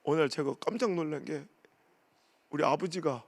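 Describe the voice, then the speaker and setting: A male pastor preaches a revival sermon as a story. His voice sits high for a man and has a gravelly edge, and he swings into acted voices for his family. He sounds like a man in his forties. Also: normal speed. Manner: animated storytelling, acting out family members' voices.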